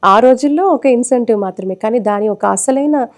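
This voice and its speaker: A woman's voice: fairly high pitch, brisk. A woman speaking earnestly on a live TV devotional show, explaining practices and sharing her own experience.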